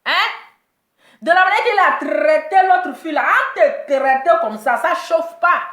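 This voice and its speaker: A woman delivers a mocking gossip rant in a high, bright-pitched voice, teasing and repeating her jokes with laughter. The sound is echoey, as if recorded in a bare room. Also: lively intonation, unhurried. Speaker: commentator reacting to celebrity gossip.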